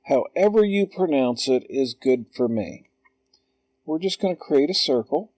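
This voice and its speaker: A man calmly talking through a drawing tutorial step by step, in an unhurried voice-over. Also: on the high side, no room sound. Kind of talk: slow screen-recorded tutorial.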